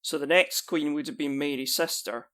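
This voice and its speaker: An actor playing a practical, logical team adviser who reasons and gives directions in a fantasy game drama. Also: male voice, on the high side, normal speed, bright, forceful tone. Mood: focused, reasoning.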